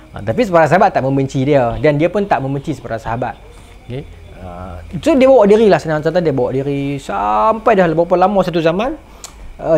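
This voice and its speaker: Brief: lively male religious storyteller, northern Malaysian Malay accent, high voice, fast talker. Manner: animated, addresses listeners as 'tuan-tuan'.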